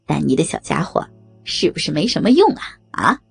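A crude male thug sneers and jeers in an erotic audio story, as a woman reader puts him on. The voice is low and gravelly with a rough husky edge, and the pitch swings widely as he mocks. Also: huge pitch swings, normal speed, soft background music, heavily acted. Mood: jeering. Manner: mocking, leering taunts.

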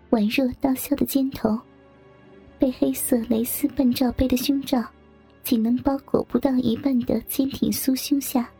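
A woman narrating a first-person audio story in a soft, intimate way over faint background music. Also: sits high, vocal fry, slightly rough.

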